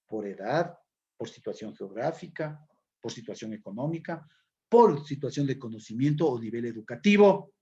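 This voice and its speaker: A man's voice: mid-range voice, warm tone, slightly rough. A man giving a classroom lecture, explaining step by step and often checking in with his listeners. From Ecuador. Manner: explanatory, frequent checking questions. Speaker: teacher. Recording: dull lo-fi recording.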